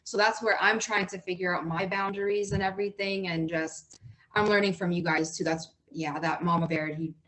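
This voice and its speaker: A woman's voice: lowish voice, steady tone, moderate pace, fairly bright tone, a little hiss or hum, rough recording. A woman co-hosting a podcast in casual chat, talking hesitantly and trailing off with many fillers. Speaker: podcast co-host.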